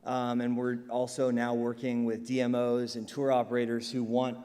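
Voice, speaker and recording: A man's voice: mid-range voice, monotone, normal speed, mellow. A man moderating a conference panel, upbeat and chatty, with many ums and uhs. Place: large conference hall. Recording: long hall reverb.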